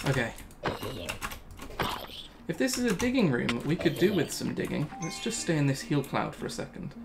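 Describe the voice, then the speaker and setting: A man's voice: a little high, sing-song, normal speed, vocal fry, music in the background. A young man talking through his gameplay live, thinking aloud and repeating himself when things go wrong. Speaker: gaming channel host.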